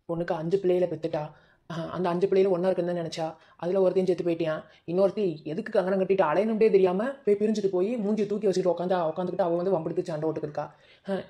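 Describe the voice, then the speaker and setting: A blunt older village woman, voiced by a woman, lays things out in a cartoon. Her low, mellow voice carries a Madurai Tamil accent. She speaks at a breakneck pace. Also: natural voice. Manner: blunt, rapid explaining.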